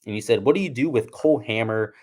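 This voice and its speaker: A man's voice: medium pitch, fast talker, a little mellow, husky. A young man hosting a golf betting channel, telling stories in a chatty, casual way and laughing at himself. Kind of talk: casual talk.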